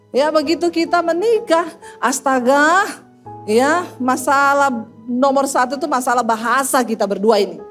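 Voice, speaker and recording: A middle-aged woman pastor with a Sulawesi accent, telling funny stories in a sermon and acting out both sides of her arguments. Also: high-pitched. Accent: Sulawesi Indonesian. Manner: animated, acts out both sides of arguments, addresses listeners as saudara. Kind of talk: humorous sermon storytelling.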